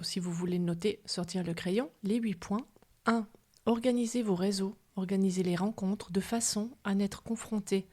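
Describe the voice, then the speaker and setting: Woman, podcast host, calm measured advice talk, partly read. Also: mid-range voice.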